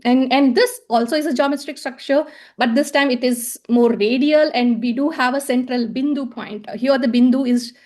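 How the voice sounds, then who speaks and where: Speaking at a moderate pace in a fairly high, slightly mellow voice, a South Indian woman with Tamil as her first language presents academic slides at a conference in a lecture tone. She comes across as hesitant, repeating words and using many fillers.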